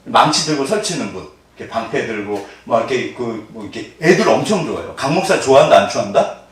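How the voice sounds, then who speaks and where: A middle-aged man preaches as pastor in a church sanctuary, talking quickly at a medium pitch. He's animated, laughs often, and quizzes the congregation with call-and-response questions, all captured by a far-off mic in an echoey hall.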